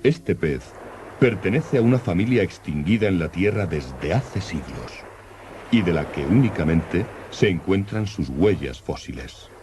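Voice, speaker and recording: An actor playing a learned, confident older professor leading an expedition in an old radio drama, explaining things in a precise, theatrical way. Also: male voice, low-pitched, expressive, a little slow. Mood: fascinated, didactic. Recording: old radio drama, faint background noise.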